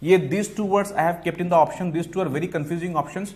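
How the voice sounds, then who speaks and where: A male teacher with an Indian English accent and a somewhat high voice runs through exam vocabulary. He slides between Hindi and English and repeats each word and answer, with steady "fine" and "okay" fillers. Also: slow. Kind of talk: exam-prep vocabulary lesson.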